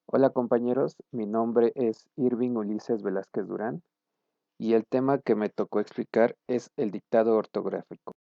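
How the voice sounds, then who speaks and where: A man, a student, reading his class presentation in a steady, explanatory way. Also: medium pitch, moderate pace, gravelly, no echo, lo-fi sound.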